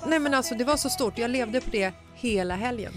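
A woman's voice: fairly high pitch, soft background music. A woman co-hosting a podcast, joking and exclaiming in casual chat. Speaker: podcast co-host.

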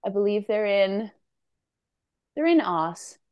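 A woman's voice: medium pitch, animated, takes it slowly, a little mellow, no echo, dull audio. A woman chatting casually as a podcast guest, playful and exuberant, on a slightly grainy video call. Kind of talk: casual chat.

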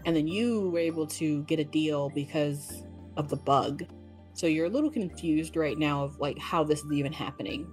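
A woman narrating a tabletop game as game master, in a casual, quick way with fillers. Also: low-pitched, a little mellow, faint music behind.

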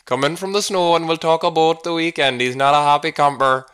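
A man's voice: on the high side, fairly even intonation, fairly quick, fairly bright tone, smooth, voice pushed up, lightly acted. A man voicing a cheerful, folksy Canadian man at home with an exaggerated Minnesota-style twang and a chummy, sing-song manner. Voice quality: overdone sing-song delivery.

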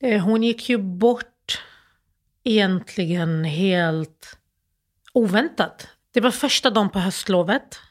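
A middle-aged woman from Sweden speaks as an interview guest, telling her story in halting phrases. She fills her speech with fillers and restarts and acts out the old phone calls in her own voice. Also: medium pitch. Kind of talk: personal interview, emotional storytelling.

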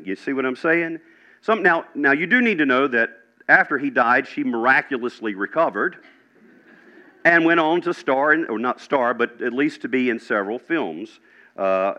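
Pastor guy preaching in a barn, swings loud then soft, kinda dull muffled recording. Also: mid-range voice. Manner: animated storyteller, swinging between loud emphasis and quiet asides. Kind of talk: storytelling sermon. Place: barn gathering.

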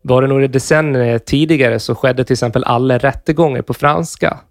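Male podcast co-host, mid pitch, easygoing explainer, dry sound. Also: no room sound. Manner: explanatory, relaxed, swears casually. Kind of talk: casual podcast chat.

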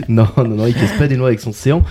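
A man's voice: medium pitch, fairly quick, warm tone. A man hosting a casual podcast, introducing guests with playful puns and wordplay. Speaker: podcast host. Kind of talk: casual chat.

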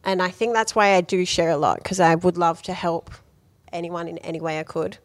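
A young woman telling a story in casual podcast chat, full of "like" and quick laughs. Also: lowish voice, steady tone, no echo. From Australia. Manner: chatty storyteller, many likes and laughs. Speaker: guest.

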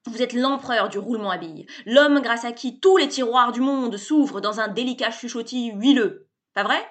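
A woman voicing a brash, over-familiar male salesman who makes a loud, gushing pitch in a storybook reading. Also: normal speed, close to an everyday voice. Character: brash pushy male salesman, fast-talking schemer.

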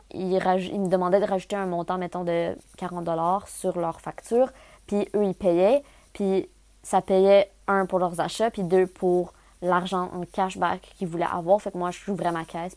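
A young woman from Quebec with a Québécois accent, telling a travel story in a casual, animated way and mixing in English words. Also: lowish voice, dry recording. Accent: Québécois French. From Quebec, Canada. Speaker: travel podcaster.

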